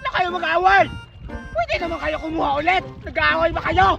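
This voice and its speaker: A high, gravelly sea-monster schemer. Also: steady tone, brisk, dull audio, exaggerated voice. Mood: bossy. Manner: loud, scheming, bellowing. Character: greedy sea-creature ogre posing as a kind host. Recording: music playing behind.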